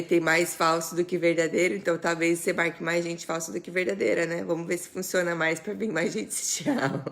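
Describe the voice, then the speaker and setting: Chatty Brazilian woman teaching English. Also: on the low side. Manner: chatty, laughs often, greets viewers by name. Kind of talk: live-streamed lesson. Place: home, live stream.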